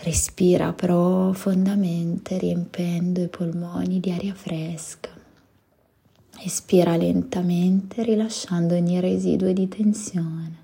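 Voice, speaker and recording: A woman narrates a guided meditation in a soothing, soft spa whisper. Her voice is low and mellow, heavy with breath. She moves through the script gently, as a meditation guide. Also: level tone, slow, creaky, slightly rough.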